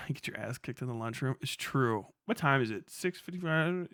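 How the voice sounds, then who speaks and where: Speaking at a moderate pace in a medium pitch, a man chats casually on a live stream, peppering everything with swearing and breaking into frequent laughter in an excitable way. The sound is clean studio audio with no room sound.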